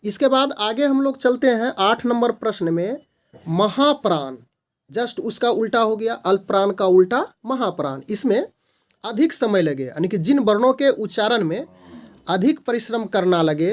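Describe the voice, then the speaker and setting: A slow, unhurried tutor walks through multiple-choice grammar questions one by one. Each definition comes patiently, step by step, with single letters and syllables sounded out in turn. The voice sits at a middling pitch. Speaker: online tutor.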